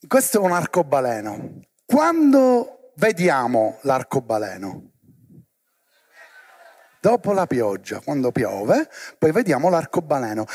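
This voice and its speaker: An animated man preaches to young people, keeps firing questions at the crowd, and pulls them along as he speaks. His voice sits fairly high for a man. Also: slightly rough. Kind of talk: lively sermon to young people.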